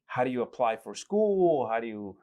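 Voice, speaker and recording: Reflective man, halting with frequent restarts. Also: mid-range voice, big pitch swings, phone-quality sound. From El Salvador. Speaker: guest. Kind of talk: conversational interview.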